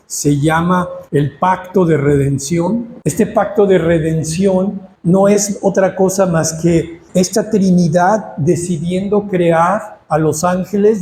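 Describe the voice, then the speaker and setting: A man with a Mexican Spanish accent, preaching a sermon as a pastor, praying and teaching in an unhurried way with pauses. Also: sits high, dark tone, roomy sound, a little hiss or hum.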